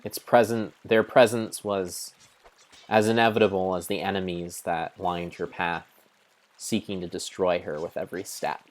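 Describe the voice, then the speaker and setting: In a low, steady voice at a normal speed, a streamer narrates his own gameplay. He delivers it as solemn, theatrical mock drama, like someone reading from a grand storybook.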